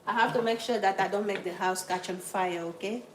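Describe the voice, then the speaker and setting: A talkative Cameroonian woman livestreams herself cooking in her home kitchen, greeting viewers by name and apologizing as she multitasks. She speaks fairly quickly at a medium pitch with an even tone, on a low-quality recording with a faint hiss or hum.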